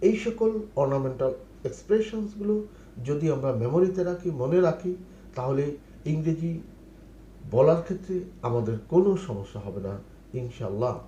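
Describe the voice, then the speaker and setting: A middle-aged man with a Bangladeshi accent, teaching spoken English by reading phrases slowly and translating each one. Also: a little high, lively intonation, warm tone. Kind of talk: numbered spoken English lesson. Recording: echoey room with faint noise.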